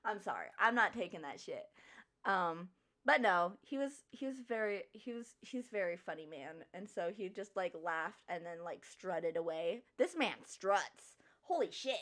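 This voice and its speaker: A woman's voice: on the low side, lively intonation, unhurried, a bit bright. A young adult woman streamer casually retelling a story, sassy and swearing freely.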